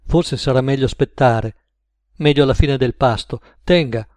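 A man voicing a gentle, overly polite camp cook who speaks softly and courteously, in a storybook reading. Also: medium pitch, moderate pace, dry recording, lightly acted.

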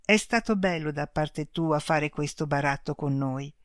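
A reader voicing two kind, dying alien beings who speak slowly and gently in an audiobook. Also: medium pitch, no room sound, studio quality, voice pushed down, close to an everyday voice. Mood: sad. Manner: slow, gentle, speaking in unison. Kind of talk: audiobook reading.

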